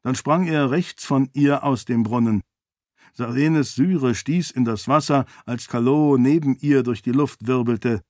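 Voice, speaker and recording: A man narrating a novel in a steady, even storytelling manner, recorded on a close mic. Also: mid-range voice, unhurried, no room sound. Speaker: audiobook narrator. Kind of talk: scripted narration.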